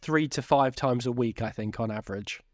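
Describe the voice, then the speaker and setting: A man with a mid-pitched voice co-hosts a casual film chat. He tends to stammer over repeated words as he forms a thought. The sound is dry and free of room echo. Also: normal speed. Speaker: podcast co-host.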